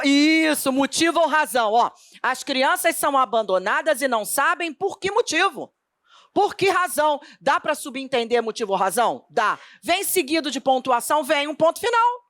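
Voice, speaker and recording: A middle-aged woman with a Brazilian accent teaching a Portuguese grammar lesson for an exam, emphatic and lively, asking questions and then answering them herself. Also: fairly high pitch, no room sound, studio quality. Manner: animated, emphatic, asks and answers her own questions.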